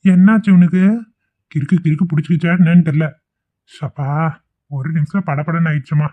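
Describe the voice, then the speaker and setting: A man's voice: on the high side, brisk, lightly acted. A man with a Kongu Tamil accent voicing a grumbling older village husband who gossips in a cartoon. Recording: tinny lo-fi phone-like audio.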